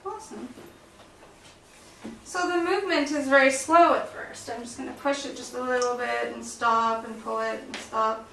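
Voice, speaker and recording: High bright woman training a dog. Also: normal speed, creaky, a little hiss or hum. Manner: calm explaining, soft praise to the dog. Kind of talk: instructional demonstration. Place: indoors in a house. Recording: roomy sound from a distance.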